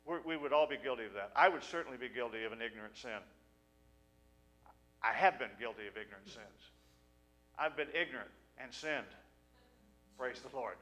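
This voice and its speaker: Standing at the pulpit microphone of a small church, a middle-aged man reads scripture and gives a heartfelt, conversational sermon, stumbling into restarts along the way. His medium-pitched voice has a sharp tone, and the recording quality is low.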